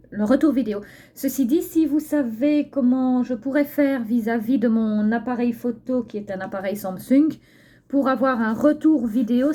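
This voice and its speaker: A woman's voice: on the high side, dark tone. A woman with a lisp that makes her s slushy, chatting hesitantly as she thinks aloud through a craft tutorial, recorded on a phone. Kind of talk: casual unscripted tutorial chat. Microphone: phone used for filming. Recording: phone recording with faint background noise.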